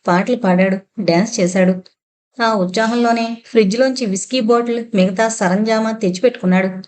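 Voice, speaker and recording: A woman narrating a suspense novel in a steady, even storytelling manner. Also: fairly high pitch. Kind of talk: scripted audiobook narration.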